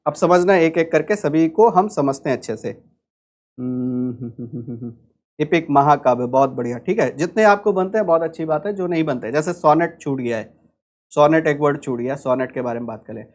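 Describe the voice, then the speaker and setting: Speaking a little fast, this man has a fairly high, slightly mellow voice and an Indian accent. He explains English vocabulary step by step in an online exam-prep class, asking rhetorical questions along the way.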